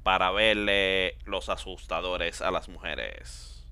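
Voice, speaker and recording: A man's voice: low-pitched, expressive, slow, sharp tone, clean tone. A man co-hosting a casual podcast, stalling with lots of "eh"s before telling groan-worthy jokes in a studio booth. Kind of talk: casual comedy podcast banter. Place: radio-style studio booth.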